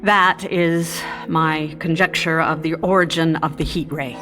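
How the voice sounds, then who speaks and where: A woman's voice: low-pitched, fairly even intonation, over loud music. Composed, formal female professor. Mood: grave, thoughtful. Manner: deliberate, academic, formal. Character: female science professor, composed, cautious, authoritative. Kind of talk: radio drama expert interview.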